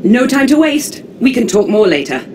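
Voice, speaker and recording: An actress playing a bossy, sharp-tongued female superior in a video game, with a commanding, brisk manner. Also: a little high, sing-song, slight background noise. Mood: brisk, instructive. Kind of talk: video game character acting.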